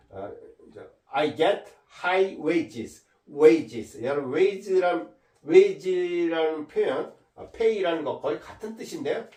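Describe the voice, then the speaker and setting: A middle-aged man teaching an English lesson, patiently repeating words and saying his example sentences slowly and carefully. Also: fairly high pitch, darkish tone. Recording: roomy echo, mic at a distance.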